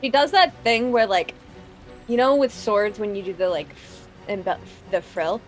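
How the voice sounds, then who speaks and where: A woman's voice: medium pitch, lively intonation, measured pace, faint music behind. A woman running a tabletop game as game master, talking casually and loosely with filler words.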